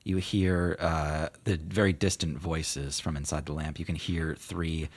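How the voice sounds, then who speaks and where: A man narrating a tabletop game as game master in a casual, halting, improvised way. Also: a bass voice, steady tone.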